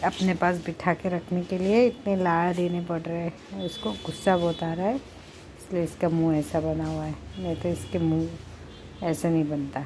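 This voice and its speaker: A middle-aged woman and mother talking through a casual home vlog in a slow, coaxing way, sometimes slipping into doting baby talk. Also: fairly low pitch, little pitch movement, noisy background.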